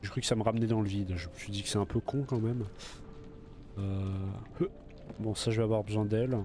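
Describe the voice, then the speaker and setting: Speaking a little fast in a steady tone, a man with a voice on the low side plays a video game and chats casually to himself. He's a let's play gamer with a bit of a cold.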